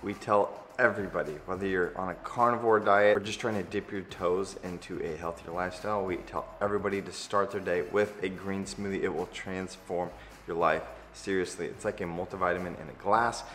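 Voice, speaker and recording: A man in his thirties vlogging in a casual chat with a raspy morning voice, upbeat and energetic, filmed in a home kitchen. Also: low voice, fairly quick. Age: 30s. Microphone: handheld camera mic. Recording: long reverb, faint music behind.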